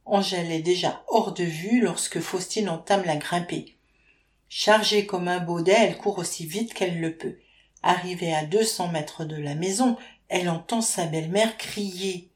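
A woman narrating an audiobook in a steady, even storytelling manner. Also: on the low side, normal speed. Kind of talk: scripted narration. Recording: roomy echo.

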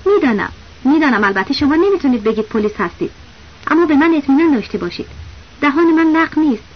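A woman's voice: high-pitched, big pitch swings. A woman reading the lines of a male village school principal, a chatty know-it-all who keeps cutting in with insistent, knowing remarks. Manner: knowing, insistent, talks over others. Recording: dull lo-fi audiobook recording with faint hiss.

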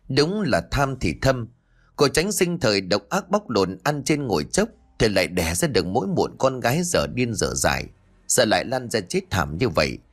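A man narrating a ghost story dramatically. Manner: dramatic, with lively pitch swings.

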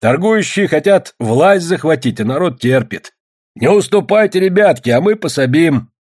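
A defiant gold miner rallies the crowd, indignant and insistent, played by a man reading a storybook. His voice is husky, raised and lively in pitch. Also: moderate pace. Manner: urging, indignant. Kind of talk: audiobook character voice.

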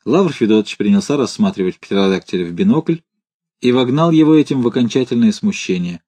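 Husky dark-voiced male storyteller. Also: on the low side, expressive, fast, no echo. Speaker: narrator. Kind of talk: audiobook reading of a comic fantasy story.

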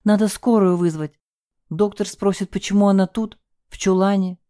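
A woman's voice: medium pitch, fairly even intonation, moderate pace, warm tone, no room sound, clean studio sound, close to an everyday voice. A woman voicing a timid, panicking middle-aged husband who stammers and whines. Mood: anxious. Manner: stammering, whining.

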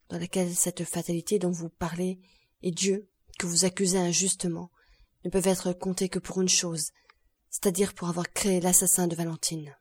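A woman voicing a passionate, grief-stricken young man who speaks louder and faster. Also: lowish voice, breathy edge. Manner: impassioned, louder and quicker.

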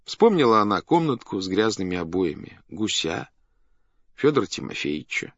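A man narrating a classic story aloud in an expressive, theatrical reading style. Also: fairly low pitch, moderate pace, dry recording. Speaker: audiobook narrator. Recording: dull dry studio recording.

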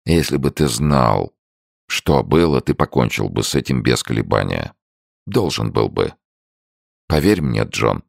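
A man reads as a tired, ailing old father, solemn and gentle. His voice sits extremely low with a gravelly creak, close and dry. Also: big pitch swings, measured pace, no room sound, exaggerated voice.

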